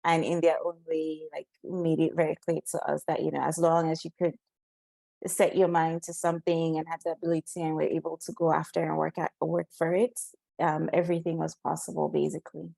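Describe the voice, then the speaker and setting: A young woman from Cameroon, a guest on a podcast, speaking in a thoughtful, measured way. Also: low voice, flat delivery, creaky, dark tone, dry recording. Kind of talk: conversational interview.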